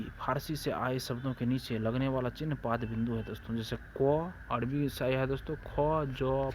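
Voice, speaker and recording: A man's voice: medium pitch, a little hiss or hum. A man with a Bihari Hindi accent teaching an exam-prep grammar lesson, asking and answering his own questions as he goes. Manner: repetitive, asks and answers own questions, keeps addressing friends.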